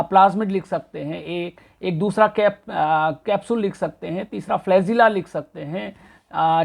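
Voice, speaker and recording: A middle-aged man, a professor giving a deliberate exam-prep lecture who repeats and spells out key answers. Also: sits high, gravelly. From central India. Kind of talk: exam-prep lecture mixing Hindi and English.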